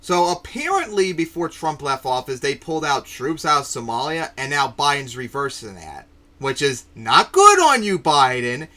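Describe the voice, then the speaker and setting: A man's voice: a little high, sing-song, moderate pace, pushed and bright. A man hosting a casual political chat show, ranting and swearing, with many fillers. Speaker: podcast host.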